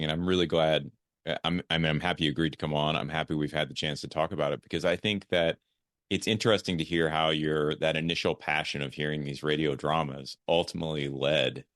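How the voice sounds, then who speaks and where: An American man hosts a podcast, chatting casually with his guest in an interview. His voice is a low rumble with a fairly bright tone, captured in a dry, clean studio recording.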